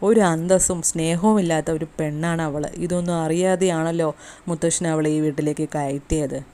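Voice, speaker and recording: A woman's voice: low voice, steady tone, fairly quick, dark tone, close to an everyday voice. A woman voicing a guarded, tearful mother. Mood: confiding. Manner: hesitant, evasive, confiding. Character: worried middle-aged mother, tearful and guarded.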